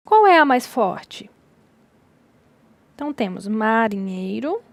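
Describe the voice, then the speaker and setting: A woman teacher delivers a recorded distance-learning lesson, her voice sitting a little high. She explains step by step and repeats the key words. The sound is close and dry with no room around it. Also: sing-song, slow, no room sound.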